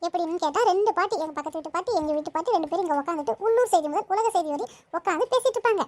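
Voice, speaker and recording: Someone voicing a squeaky cartoon girl vlogger. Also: racing, a little mellow. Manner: chatty, boastful. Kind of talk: comic home-tour vlog narration.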